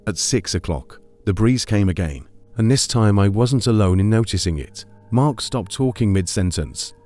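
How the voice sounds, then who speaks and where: A man with a low voice narrating a scripted scary story in a measured, somber way. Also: animated, darkish tone, faint music behind.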